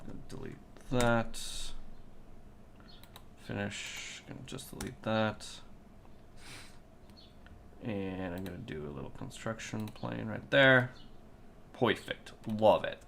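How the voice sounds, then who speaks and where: Very gravelly, slow-talking sleepy man. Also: fairly low pitch, fairly bright tone, a little hiss or hum. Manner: mutters to himself, repeats words like cool and yep. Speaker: designer working through a 3D model. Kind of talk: thinking aloud while working on a computer.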